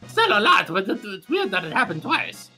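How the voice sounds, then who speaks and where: Woman co-commentator, bright forceful voice, animated, sweary joking banter, stammering. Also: medium pitch, a little fast, soft background music. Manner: sweary, stammering over exclamations. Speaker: game stream co-commentator.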